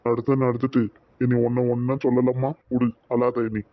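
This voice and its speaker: A patient family father, played by a man, speaking in a middle-pitched, calm and soothing way. The sound is a little dull and lo-fi. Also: moderate pace, no echo, natural voice. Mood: placating. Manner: calm, placating, soothing others.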